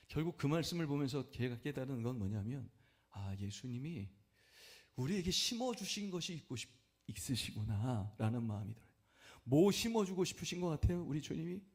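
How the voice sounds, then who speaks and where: Korean pastor preaching, asking questions. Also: male voice. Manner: asks the congregation questions and answers them himself; climbs to loud, high-pitched exhortation. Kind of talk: sermon. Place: church sanctuary.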